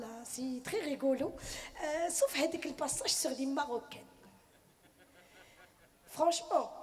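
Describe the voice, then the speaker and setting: A woman playing a polished, bossy Moroccan woman who speaks slowly and makes veiled threats. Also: high-pitched, darkish tone, in a large hall. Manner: slow, smooth, veiled threats.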